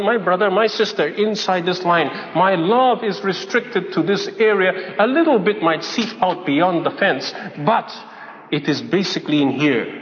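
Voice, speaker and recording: A man's voice: high voice, slight background noise. A man preaching a sermon, emphatic, repeating phrases and asking rhetorical questions. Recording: dull lo-fi recording with long hall reverb.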